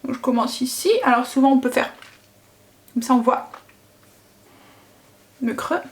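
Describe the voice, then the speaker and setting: A woman with a somewhat high voice talks casually to her viewers as she does her makeup. She narrates every small step aloud and peppers it with quick little exclamations. She often stops and restarts her sentences. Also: steady tone. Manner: chatty, narrates each step with little interjections; self-correcting, trails off and restarts often. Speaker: family vlogger and mother. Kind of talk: casual makeup tutorial chat.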